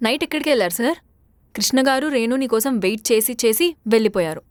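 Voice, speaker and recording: A woman's voice: a little high, lively intonation, fast talker, dry recording, lightly acted. An actress playing a blunt young woman who scolds her roommate. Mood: cool.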